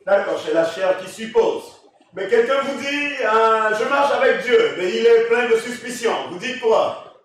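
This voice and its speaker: A man preaching a sermon, rising to emphatic shouts and questioning his congregation. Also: very high voice, a little slow, recorded from a distance. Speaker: pastor. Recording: echoey church hall, voice from afar.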